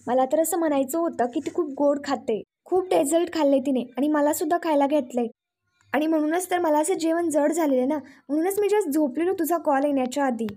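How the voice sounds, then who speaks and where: A woman's voice: high-pitched, brisk, warm tone, natural voice. A woman voicing a playful young man who teases the caller on the phone. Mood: teasing. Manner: teasing.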